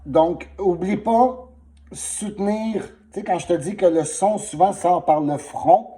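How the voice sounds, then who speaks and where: A man's voice: high voice, measured pace, mellow. A man giving a patient singing lesson, coaching and demonstrating vowels while coughing through a sore throat. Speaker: singing teacher. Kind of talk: one-on-one voice lesson.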